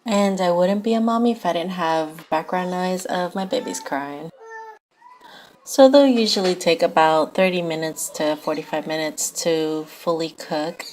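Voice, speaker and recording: Young woman, slightly low voice, casual recipe narration, conversational, faint background noise. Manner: informal, conversational. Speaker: home cook presenting a recipe.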